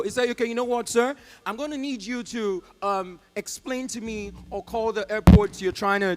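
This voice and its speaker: A Nigerian comedian with a high voice performs stand-up in a club, narrating a story in which he briefly imitates every character. Callers and agents get quick put-on voices, and he lets out loud, punchy exclamations.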